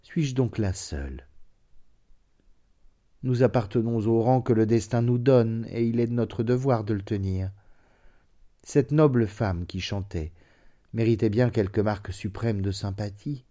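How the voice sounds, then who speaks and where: For an audiobook of classic fiction, a man voices a young deaf woman who is bitter and despairing. He reads in a soft, sorrowful, measured way, his natural voice sitting on the low side.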